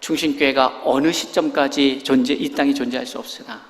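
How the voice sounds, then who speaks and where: A man's voice: medium pitch, fairly even intonation, brisk. Male pastor preaching in an echoing hall. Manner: conversational, full of rhetorical questions. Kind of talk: sermon.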